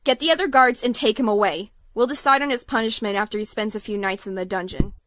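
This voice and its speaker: An actress playing a kind, regal pony princess with a gentle but firm manner in an audio drama. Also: female voice, a little high, fast talker, no echo, lightly acted. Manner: gentle, gracious.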